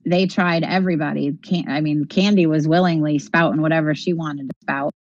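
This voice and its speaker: A woman's voice: low voice, fairly even intonation, a little fast, dry recording. A woman co-hosting a casual discussion, making her points emphatically and repeating them for stress, on slightly lo-fi audio. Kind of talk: casual discussion of a criminal case.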